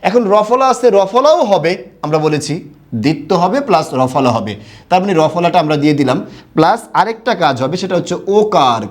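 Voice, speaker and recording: Lively-voiced male grammar teacher. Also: high-pitched. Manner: asks the class questions then answers them, repeats key points; spells words out letter by letter. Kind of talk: online pronunciation lesson.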